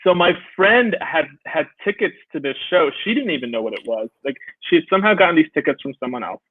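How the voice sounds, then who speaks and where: A young Brooklyn man with a fairly high voice talks fast as a guest on a casual video-call interview, laughing often through animated stories. The sound is tinny, dry and phone-like, with slight background noise.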